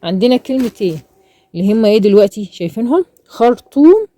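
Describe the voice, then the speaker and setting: Egyptian woman teacher, very dark mellow tone, dry close sound, quizzes and answers herself. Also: on the low side, no echo. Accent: Egyptian Arabic. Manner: repeats questions and answers them herself, drawn-out sounds. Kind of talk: children's reading lesson.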